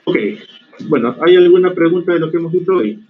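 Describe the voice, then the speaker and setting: A man's voice: a little high, brisk. A man giving an online medical lecture in a stern, corrective teaching manner, answering student questions. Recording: dull lo-fi call audio.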